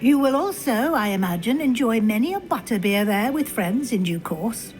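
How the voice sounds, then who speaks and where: An actress voices a female professor at a wizarding school in a video game, with a fairly high British voice. She is formal and articulate, briskly guiding and encouraging a newcomer. Music plays clearly underneath her. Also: animated, darkish tone, natural voice. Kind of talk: scripted video game dialogue.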